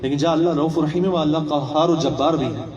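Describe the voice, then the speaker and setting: A man's voice: fairly high pitch, a little mellow, muffled recording. A young man giving a religious training talk, asking rhetorical questions, repeating phrases and mixing in English words. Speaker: religious instructor. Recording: echoey hall, voice from far off.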